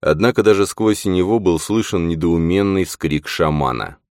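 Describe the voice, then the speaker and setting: Very deep male audiobook narrator. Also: moderate pace, darkish tone, no room sound, clean studio sound. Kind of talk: scripted narration.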